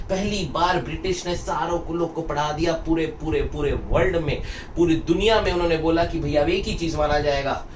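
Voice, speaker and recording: A man with a high voice teaches physics at an unhurried pace. He tells the lesson like a story, teasing and firing rhetorical questions at the class. He sounds distant from the mic, in a reverberant room. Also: fairly bright tone, a little hiss or hum. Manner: colloquial, dramatic teasing asides. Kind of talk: lively classroom lecture. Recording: echoey room, voice far from mic.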